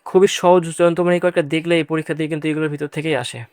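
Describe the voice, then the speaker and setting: Clear-voiced male Bangla tutor. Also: fairly high pitch, flat delivery, racing, darkish tone, no echo. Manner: explains patiently, repeats each example word twice; addresses students directly, stresses what is important. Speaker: teacher. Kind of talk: exam-prep lesson on Bangla pronunciation.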